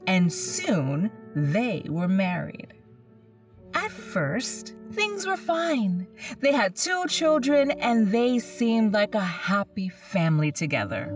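A woman in the role of a horror host, narrating a spooky story with theatrical, drawn-out suspense. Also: mid-range voice, recorded from a distance. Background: music.

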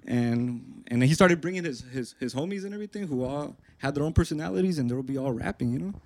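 A young man talks quickly in a slightly high voice. He tells stories casually and with plenty of slang, often checking in with a "you know". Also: expressive, a little hiss or hum. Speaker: rapper being interviewed. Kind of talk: casual storytelling.

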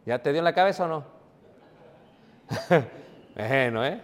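A man preaching a sermon, joking with his congregation by name and reading scripture slowly and loudly. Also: on the high side, expressive. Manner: jokes with the congregation, calling on members by name. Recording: echoey hall.

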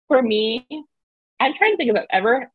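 A woman's voice: fairly high pitch, sing-song, moderate pace, slightly rough, dry recording, narrow, tinny audio. A woman in a casual interview, talking emphatically and repeating phrases to drive a point home. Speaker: interview guest, author and video creator.

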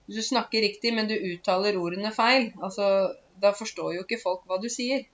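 A woman giving a casual spoken language lesson, stopping to explain words slowly with many fillers. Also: medium pitch, highs cut off. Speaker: Norwegian language teacher.

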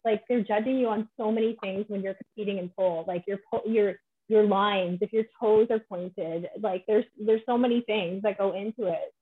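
A woman's voice: medium pitch, steady tone, normal speed, slightly rough. A woman in casual conversation, chatty and full of filler words. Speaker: guest, powerlifter and pole competitor. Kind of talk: casual podcast chat. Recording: tinny phone-like line.

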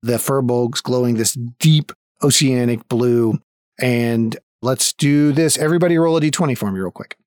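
A man's voice: medium pitch, normal speed, darkish tone, clear, resonant tone, no room sound. Male game master, close dry sound. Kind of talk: tabletop game narration, descriptive and improvised.

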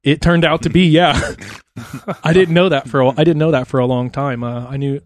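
A man guesting on a podcast, telling lively stories in casual chat. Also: on the high side, moderate pace, no echo, studio quality. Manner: animated storyteller.

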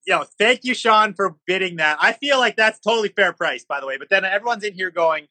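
A man's voice: sits high, lively intonation, brisk, bright, forceful tone, no echo. A man co-hosting a live stream, joking bluntly and swearing often in casual banter.

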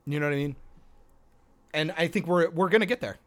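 A man's voice: fairly high pitch, brisk. A man in a casual, opinionated chat, speaking emphatically and swearing heavily.

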